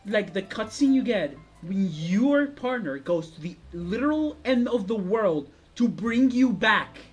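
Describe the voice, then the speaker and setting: A young man with a high, youthful, androgynous voice, rambling passionately and swearing freely in casual gaming chat. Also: lively intonation, unhurried, slightly rough. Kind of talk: casual chat about video games. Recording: background music behind the voice. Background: music.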